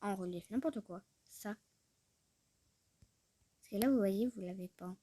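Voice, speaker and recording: A woman's voice: medium pitch, a little slow, warm tone. A woman chatting casually through a tutorial, rambling, talking to herself and often dropping to a murmur. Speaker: YouTuber showing a tutorial. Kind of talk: casual screen-recorded tutorial chat.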